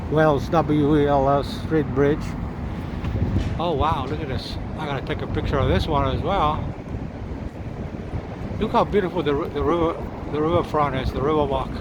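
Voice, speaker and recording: Walking and filming beside a city river, a man with a somewhat high, fairly even voice talks at a moderate pace and pauses often. His eager commentary is repetitive, full of repeated words and restarted phrases, and he's slightly hoarse with occasional coughs. The phone or camera in his hand picks up street noise, sirens and passing boats.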